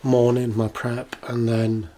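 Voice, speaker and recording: British guy doing a casual vlog, pretty monotone and mellow, matter of fact, some noise behind him. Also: mid-range voice, takes it slowly. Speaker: vlogger. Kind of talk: casual vlog talk to camera.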